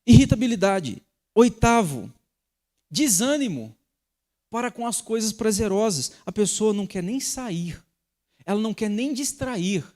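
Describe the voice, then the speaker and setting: Animated male pastor preaching. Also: high-pitched, unhurried. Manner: animated preaching with sharp emphatic rises. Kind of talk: sermon teaching.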